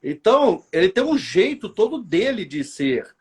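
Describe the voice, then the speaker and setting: A man from Campinas with a countryside São Paulo accent and its drawn-out R, hosting a casual interview with friendly enthusiasm. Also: sits high, big pitch swings, darkish tone, breathy edge. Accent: São Paulo countryside, rolled-back R. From Campinas, São Paulo state, Brazil. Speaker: host, nurse. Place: online live interview.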